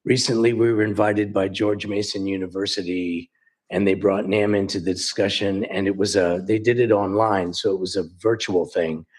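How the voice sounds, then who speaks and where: A man's voice: on the low side, fairly even intonation, moderate pace. A man who runs a music store telling chatty anecdotes at a council meeting, acting out the quoted dialogue. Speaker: local music store owner presenting. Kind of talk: storytelling presentation at a council meeting.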